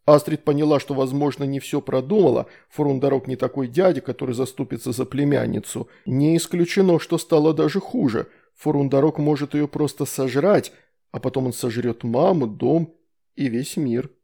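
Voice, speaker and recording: A man reading an audiobook narration in a measured, even way. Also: medium pitch, vocal fry. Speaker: audiobook reader.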